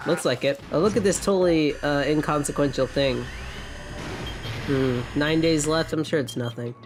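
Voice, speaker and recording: Streamer reading visual novel text out loud, snarky, mid pitch, faint music under it. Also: moderate pace. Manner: sarcastic asides with laughs. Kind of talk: blind playthrough commentary, reading game text aloud.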